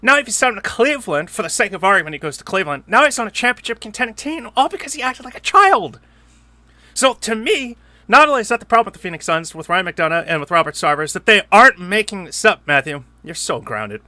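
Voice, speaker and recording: A man with a high, very bright and sharp voice rants about sports with heated emphasis. The sound is dry and close, with no room echo. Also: expressive, fast. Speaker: podcast host. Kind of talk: opinionated sports talk.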